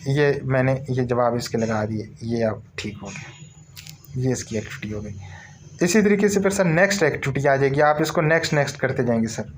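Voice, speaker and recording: A man's voice: medium pitch, slight background noise. A man with a Pakistani Urdu accent giving a screen-recorded tutorial walkthrough, repetitive and calling his listeners sir. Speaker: online course tutor.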